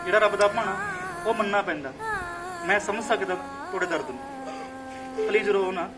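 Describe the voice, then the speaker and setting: A man playing a kind young man who gently coaxes a grieving woman to eat in a short film. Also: high voice, animated, normal speed. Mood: coaxing. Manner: coaxing, gentle and persistent. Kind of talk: amateur short film acting. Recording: loud music behind.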